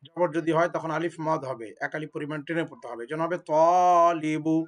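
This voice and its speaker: A woman with a fairly low voice teaches Quran reading, spelling out letters and vowel marks for a pupil to echo. She drills with patient repetition and stretches syllables out slowly. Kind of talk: spelling-out recitation lesson.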